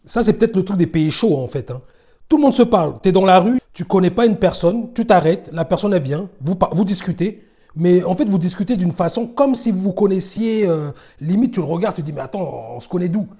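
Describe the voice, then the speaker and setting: A man's voice: high voice, expressive, a little fast, dark tone, highs cut off. A man casually commenting on comedy clips, talking conversationally with frequent hesitations. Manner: conversational, many fillers and restarts.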